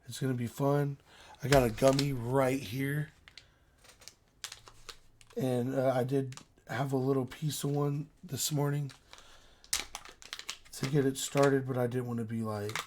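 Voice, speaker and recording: A man's voice: medium pitch, darkish tone, a little hiss or hum. A man hosting his own podcast in casual solo chat, speaking informally with slang and some swearing. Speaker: podcast host.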